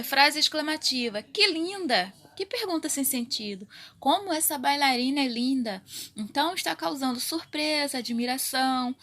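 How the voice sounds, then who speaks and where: A woman's voice: high-pitched, pushed and bright. A woman teacher giving a recorded grammar lesson to young children, explaining step by step and checking in often with her pupils. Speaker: primary school teacher.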